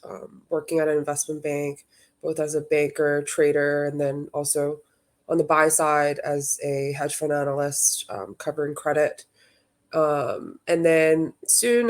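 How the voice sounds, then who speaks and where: A woman's voice: deep voice, a little mellow. A young woman from Hong Kong, a guest artist answering interview questions thoughtfully, with many ums and restarts.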